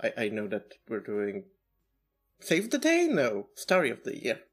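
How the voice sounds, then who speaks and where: A woman's voice: rumbling low, wildly swooping pitch, measured pace, breathy edge, faint music behind. A woman co-hosting a casual podcast, rambling, losing her thread and swearing now and then. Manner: rambling, frequent fillers and restarts, swearing. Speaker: podcast co-host.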